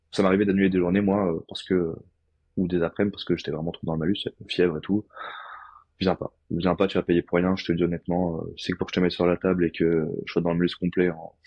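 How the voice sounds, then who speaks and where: A man's voice: sits low, husky, dry recording, dull audio. A man, a physiotherapist guest on a podcast, explaining his practice step by step in a casual, thinking-aloud way.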